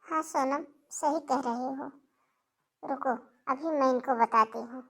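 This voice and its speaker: A woman's voice: high voice, a little slow. A woman voicing a cruel, bossy eldest sister-in-law in a cartoon, speaking in a harsh, commanding way. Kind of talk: cartoon voice acting.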